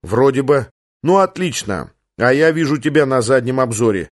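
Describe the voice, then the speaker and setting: A resigned, steady pilot , as a male reader plays him, speaking low and quiet over the radio. He stays calm and unhurried with no panic in his voice. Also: dry recording, studio quality, lightly acted.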